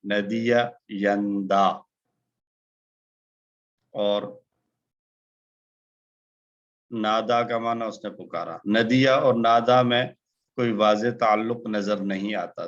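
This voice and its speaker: A man with a low voice teaches Arabic grammar at a very slow, measured pace. He drills each verb form deliberately so that learners can repeat after him. The recording sounds dull and lo-fi. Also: a bit bright.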